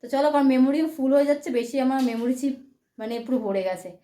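Fast-talking high-voiced woman vlogger. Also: dark tone. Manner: chatty, rambling, repeats herself. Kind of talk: casual daily vlog talk to viewers.

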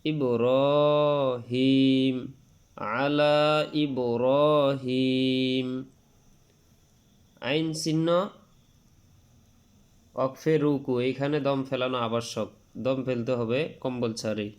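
A man's voice: medium pitch, little pitch movement, unhurried, long pauses, a little mellow. A man teaching Quran reading, spelling out each letter and vowel sign, drawing out the long vowels as he recites, and patiently repeating each rule. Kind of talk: spelled-out tajweed lesson.

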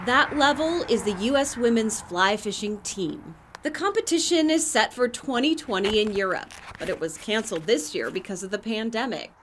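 A woman reporter with an American accent reading a scripted local news feature in a measured storytelling way. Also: fairly high pitch, lively intonation, slight background noise. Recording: voice-over with loud music bed.

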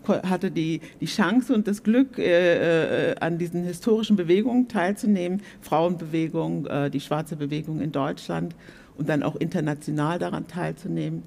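A woman in her sixties, a guest on a theatre stage, telling her story in a reflective, animated way. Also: low voice, moderate pace, creaky. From Germany. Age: 60s. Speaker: panel guest. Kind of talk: stage panel talk.

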